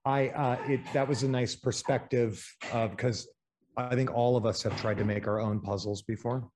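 A man's voice: medium pitch, steady tone, normal speed, a crowd in the background. A man co-hosting a podcast in casual chat, joking around and swearing freely. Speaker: podcast co-host.

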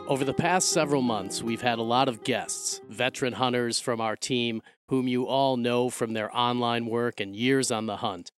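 A man's voice: mid-range voice, steady tone, normal speed, few pauses, soft background music. An American man from Milwaukee hosting a podcast, partly narrating from a script and partly chatting with his co-host. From Milwaukee, Wisconsin, USA.

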